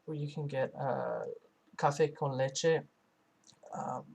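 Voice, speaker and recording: A man's voice: fairly high pitch, little pitch movement, slow pace, creaky, darkish tone, slightly rough, dull audio. Hesitant man doing a translation voice-over. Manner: hesitant, many filler sounds and restarts. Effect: live translation voiced over a foreign-language source. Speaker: student interpreter. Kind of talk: simultaneous interpretation voice-over.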